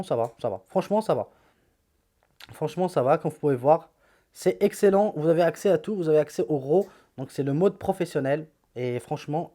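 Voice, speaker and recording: With a slightly high, somewhat mellow voice, a tech YouTuber gives a casual tour of his phone's apps, talking in a chatty, blunt, slangy way and repeating words frequently.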